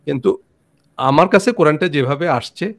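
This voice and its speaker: A Bangladeshi man with a slightly raised voice hosts the talk. He explains his position in a measured way, pausing often with fillers between thoughts. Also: fairly high pitch, lively intonation. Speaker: host. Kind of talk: religious discussion.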